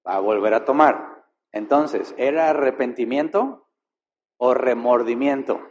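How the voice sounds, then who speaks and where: A man preaching a sermon as pastor, posing rhetorical questions and shifting his pace and loudness for effect. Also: medium pitch, lively intonation, measured pace, slight background noise.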